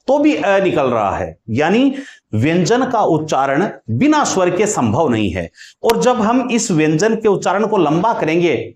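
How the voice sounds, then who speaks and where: Slow-spoken male grammar teacher, echoey room. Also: fairly high pitch. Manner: slow, deliberate explaining, drawing out sounds as examples. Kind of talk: classroom lecture.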